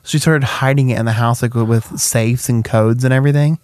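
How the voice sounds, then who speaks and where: A man's voice: medium pitch, steady tone, darkish tone, dry recording. A young man hosting a casual podcast chat in a playful, teasing, jokey way. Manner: playful, jokey, quick to tease. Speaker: podcast host.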